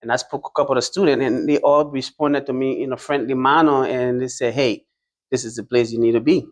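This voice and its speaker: A man from Liberia answers questions in an interview, speaking at an ordinary middle pitch. He pauses often, fills gaps with "uh" and "um", and restarts his sentences. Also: fairly even intonation. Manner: hesitant, many fillers and restarts. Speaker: interview guest, driving school graduate.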